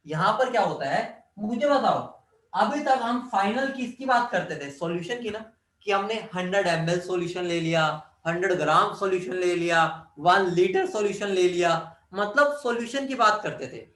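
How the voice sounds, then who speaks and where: Echoey, high-voiced chemistry teacher. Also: male voice, moderate pace, a bit bright. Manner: drills formulas, quizzes students, jokes. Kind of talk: classroom lecture. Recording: echoey room, mic at a distance.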